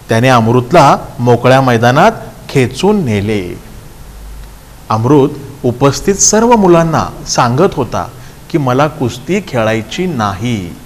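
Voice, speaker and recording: Slow, patient man reading a story. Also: medium pitch. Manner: reads a sentence, then retells it in simpler words. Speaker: teacher. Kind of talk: reading a story aloud and explaining it. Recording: long hall reverb.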